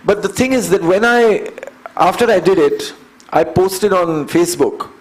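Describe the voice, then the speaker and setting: Slightly high-voiced Indian man in his fifties. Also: lively intonation, poor audio. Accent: Indian English. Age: 50s. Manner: earnest and measured, building points by repeating phrases. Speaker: guest, endurance athlete. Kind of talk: conversational storytelling interview.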